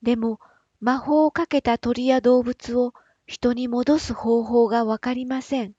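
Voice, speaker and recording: A kind-hearted storybook giant pleads and coaxes in an earnest rush, read out by a woman. The voice stays breathy and soft-toned, close to the reader's own. The recording is dry and slightly dull. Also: fairly high pitch, steady tone, measured pace, no echo. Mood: pleading. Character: gentle kind-hearted giant man, witch's son.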